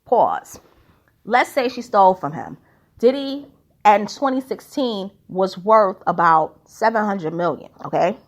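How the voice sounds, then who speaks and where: A woman's voice: medium pitch, lively intonation, measured pace. A woman giving casual, opinionated commentary in an emphatic, blunt, colloquial way.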